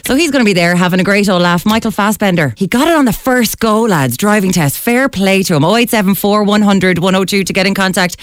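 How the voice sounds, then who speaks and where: A woman's voice: medium pitch, brisk, few pauses, dry recording. Chatty Irish woman on radio, close and dry. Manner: informal, jokey, enthusiastic. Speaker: radio host. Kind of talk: casual chatty radio interview.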